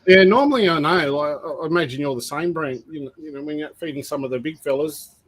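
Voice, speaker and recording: This co-host of a reptile breeding livestream is a fast-talking man with a somewhat high voice, casually spinning meandering, filler-laden stories. A crowd can be heard behind him on a rough recording.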